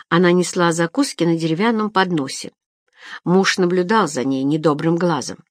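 Female audiobook narrator, lower register, even storytelling, dry close recording. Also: dry recording. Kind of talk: scripted narration.

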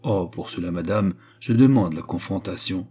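A man's voice: deep voice, normal speed, dark tone, slightly rough. A man reading an audiobook, voicing a scheming noblewoman who answers with feigned humility. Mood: feigned meekness. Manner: guarded, falsely meek.

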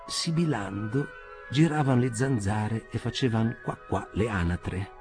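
A medium-pitched male voice tells the story of a literary audiobook, keeping the narration measured and expressive.

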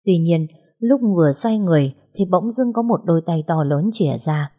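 Female narrator for a first-person audiobook; soft, steady delivery, husky and mellow. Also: on the low side, normal speed.

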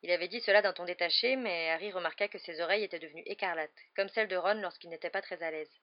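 A woman's voice: on the low side, fast. Woman reading a novel aloud. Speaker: narrator. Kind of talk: audiobook narration. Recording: slightly dull lo-fi recording.

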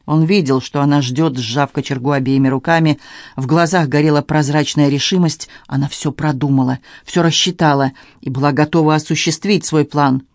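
A man narrating an audiobook in a measured, even storytelling manner on a close studio mic. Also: on the high side, no room sound. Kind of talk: scripted narration.

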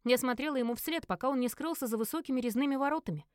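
A woman narrating a first-person audiobook in a lively acted reading, briefly giving each character a voice. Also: high-pitched, very fast, no echo, studio quality.

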